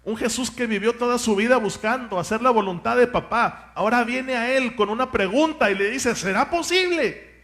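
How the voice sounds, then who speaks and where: A man's voice: very high voice, steady tone, brisk, hardly any pauses, fairly bright tone. A man, a pastor, preaching a sermon with fervent rhetorical questions and asking his congregation to repeat words after him.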